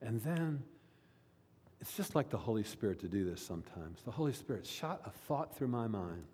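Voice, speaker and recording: A man's voice: lowish voice, sing-song, moderate pace, a little mellow, slightly rough, long reverb tail. A man preaching a sermon as pastor, speaking earnestly and repeating key phrases for emphasis.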